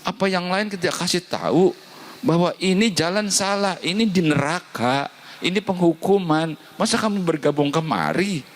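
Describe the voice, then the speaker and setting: A man's voice: sits high, lively intonation, moderate pace, voice pushed up. A man acting out the angry spirits of dead ancestors scolding someone. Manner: scornful, reproachful scolding.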